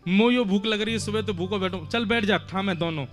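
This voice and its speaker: A man voicing an old male sadhu, speaking in a lower, fatherly, scolding way. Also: a little fast, faint music behind, lightly acted. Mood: gruff.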